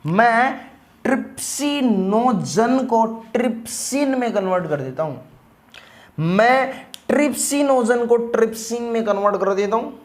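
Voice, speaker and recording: A man's voice: very high-pitched, animated, unhurried. A man voicing a chatty, boastful enzyme. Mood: proud, playful. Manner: friendly first-person boasting, repeats his lines. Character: chatty male digestive enzyme introducing himself.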